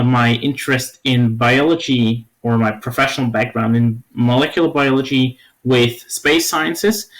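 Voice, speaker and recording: Halting young man from Slovakia. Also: medium pitch, fairly bright tone, low-quality recording. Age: young adult. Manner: halting, many "uh" fillers. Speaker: podcast guest. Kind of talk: casual interview talk.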